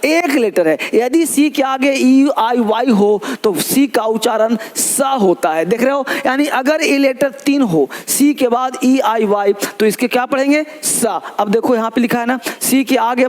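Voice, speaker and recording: A man teaches English phonics in a video lesson, his voice pitched unusually high. He drills each letter sound aloud and speaks straight to his viewers. His delivery is emphatic and repetitive.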